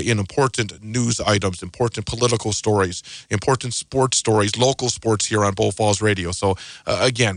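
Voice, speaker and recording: An American man hosting a radio talk show with a smooth, practiced delivery, speaking close to a studio microphone. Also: fairly low pitch, fairly bright tone, no echo. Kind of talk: radio talk and station announcements.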